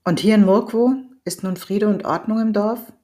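A woman voicing a gentle old male village elder in an audiobook reading, soft-spoken and hesitant. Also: mid-range voice, moderate pace, voice pushed up, lightly acted. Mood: calm.

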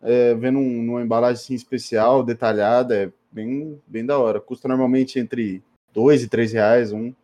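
A man's voice: mid-range voice, steady tone, normal speed, hardly any pauses, dark tone. A young man with a Brazilian Portuguese accent chatting casually and bantering in slang. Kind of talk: casual group chat.

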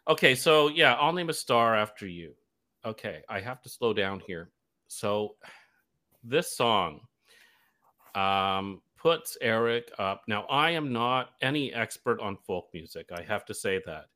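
A man's voice: lowish voice, expressive, measured pace, pushed and bright. A man from Canada, a guest DJ on a radio show, talking casually and enthusiastically, rambling with plenty of fillers.

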